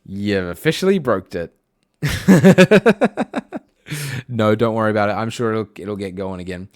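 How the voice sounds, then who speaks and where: A man's voice: on the low side, lively intonation, brisk, clean tone, no room sound, studio quality. A man streaming and chatting casually with his viewers, reading their messages aloud. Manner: chatty, reads chat messages aloud, frequent fillers.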